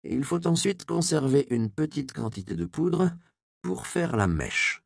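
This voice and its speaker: A man voicing a grave, curt apothecary master who explains his work calmly. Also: mid-range voice, unhurried, gravelly, no echo, pitched above the performer's own voice, heavily acted. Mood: instructive.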